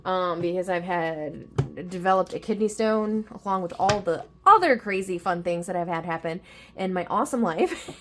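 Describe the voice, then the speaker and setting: A woman's voice: fairly low pitch, animated, normal speed, background noise. A woman giving a chatty, effusive tarot reading to her viewers, upbeat and enthusiastic though she says she is tired. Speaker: tarot reader.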